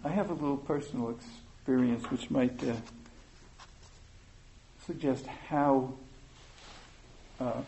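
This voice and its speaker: A man giving an informal meditation talk, speaking slowly and thoughtfully with many pauses and fillers. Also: medium pitch, vocal fry, mellow, slight background noise, poor audio. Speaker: meditation teacher.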